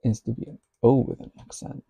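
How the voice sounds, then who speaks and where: A man thinking aloud while he codes, musing slowly and half to himself. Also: dark tone, dry recording. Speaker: software developer.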